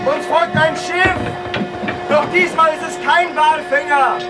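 An actor playing an excitable ship's mate in an audio play, shouting out alarms. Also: male voice, very high voice, slow pace, distant mic, loud music behind the voice. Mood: alarmed. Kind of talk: dramatised audio play acting.

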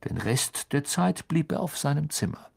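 Expressive male audiobook reader. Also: a little high, moderate pace, gravelly, husky. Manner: lively, expressive storytelling. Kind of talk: scripted narration.

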